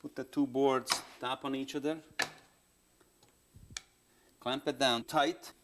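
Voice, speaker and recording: A man calmly walks through a woodworking demonstration with a patient, plain manner and non-native English phrasing. His voice sits at an ordinary middle pitch. The sound comes off a worn videotape copy, with steady tape hiss underneath. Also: takes it slowly. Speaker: woodworking instructor. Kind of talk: step-by-step instructional demonstration.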